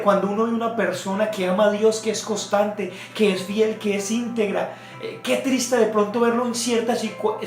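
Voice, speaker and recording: A man preaching a sermon in an earnest way, repeating key phrases for emphasis. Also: sits high. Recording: roomy echo with faint music behind.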